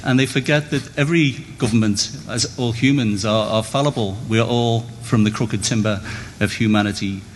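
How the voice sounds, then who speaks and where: A man giving a formal debate speech in a measured, rhetorical way, stacking phrase after phrase. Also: on the low side. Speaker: debate speaker. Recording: long hall reverb, faint background noise.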